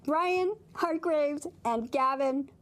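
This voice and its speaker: High-voiced woman hosting an interview. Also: slow pace, a little hiss or hum. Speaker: TV interview host.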